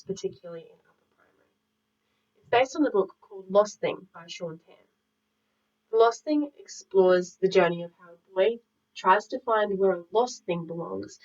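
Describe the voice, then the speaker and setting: A woman explains a classroom drama lesson in a measured, scripted way, her voice at a middle pitch. The audio is muffled, and she sounds set back from the microphone. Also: recorded from a distance. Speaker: student teacher presenting a lesson. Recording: muffled audio, speaker away from mic.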